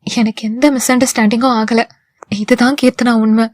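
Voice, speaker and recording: A woman's voice: on the high side, little pitch movement, fairly quick, dry recording, lightly acted. Brief: irritable older sister in an audio novel, voiced by a woman. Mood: firm. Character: elder sister-in-law, irritable and upset.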